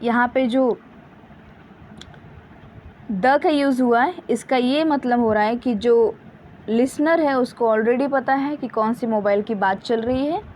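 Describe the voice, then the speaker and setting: A woman's voice: fairly high pitch, slow pace, pauses often, darkish tone, a little hiss or hum, poor audio. A woman with an Indian accent explaining English grammar, patiently reading example sentences aloud and correcting herself. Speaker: English teacher. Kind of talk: Hindi-language grammar lesson.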